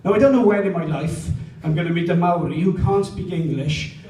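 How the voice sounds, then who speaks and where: High-voiced Welsh Valleys man, roomy live stand-up. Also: fairly quick, mellow. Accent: South Wales Valleys. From Pontypridd, South Wales. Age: 30s. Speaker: stand-up comedian. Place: indoor live gig venue. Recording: roomy, distant mic, faint noise.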